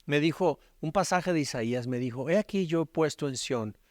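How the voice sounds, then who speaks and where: Animated Mexican pastor preaching a sermon. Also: male voice, a little high, normal speed, no room sound, studio quality. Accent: Mexican Spanish. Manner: storytelling, swings between loud animated peaks and hushed quiet passages.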